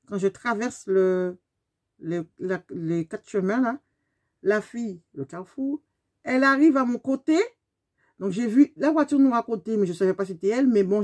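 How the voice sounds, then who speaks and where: Woman, 50s, bright higher voice, emphatic storyteller for a vlog. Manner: animated, emphatic storyteller talking straight to her viewers. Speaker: beauty vlogger.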